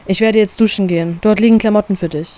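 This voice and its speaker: A woman's voice: mid-range voice, steady tone, quick pace, dark tone, lightly acted. A woman voicing a grown male ship captain who talks in curt, dry, clipped commands. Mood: irritated.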